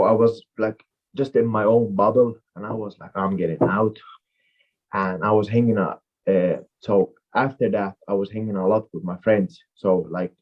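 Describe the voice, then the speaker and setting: Young man, low voice, lo-fi call. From Finland. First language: Finnish. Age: 20s. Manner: rambling, filler-heavy with many "like"s. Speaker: MMA fighter guest. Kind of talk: casual interview answers.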